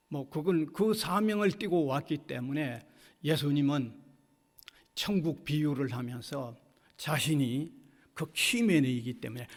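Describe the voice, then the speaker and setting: A man's voice: on the high side, breathy edge, long reverb tail. A man preaching a sermon as pastor, emphatic and often repeating his key phrases. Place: university church sanctuary.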